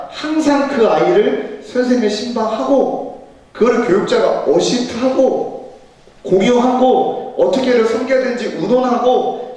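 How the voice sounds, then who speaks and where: A male church education pastor giving a teachers' seminar talk, telling stories animatedly and acting out the dialogue. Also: high-pitched. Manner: animated storytelling, acts out quoted dialogue. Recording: echoey hall, from far off.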